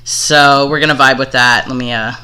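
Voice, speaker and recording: Bright-voiced blunt streamer man. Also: mid-range voice, fairly even intonation, normal speed, clear, resonant tone. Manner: blunt, swears freely, hesitant fillers. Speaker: streamer reacting to a video. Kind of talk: casual live-stream commentary.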